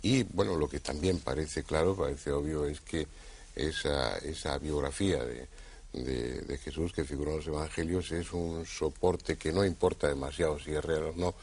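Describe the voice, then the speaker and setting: A man from Spain hosting a studio discussion, talking in a measured, thoughtful way with frequent hesitations. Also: a bass voice, fairly even intonation, a little mellow, slight background noise. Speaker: TV talk show host.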